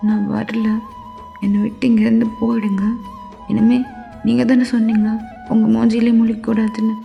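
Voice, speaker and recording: A woman's voice: on the high side, flat delivery, moderate pace, creaky, in a large hall, muffled recording, faint music behind. Hurt, tearful young wife, as a woman voices her. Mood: refusing. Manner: wounded and firm.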